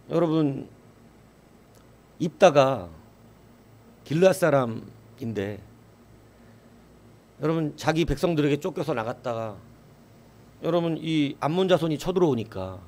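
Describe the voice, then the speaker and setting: Animated, higher-voiced male pastor preaching. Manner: asks the congregation questions and answers them; acts out quoted voices in a raised voice. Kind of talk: sermon.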